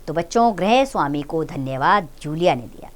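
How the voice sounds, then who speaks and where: A woman's voice: low-pitched, lively intonation, normal speed. Woman teacher explaining a story. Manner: explains difficult words to children, addresses them directly. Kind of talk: reading and explaining a story lesson.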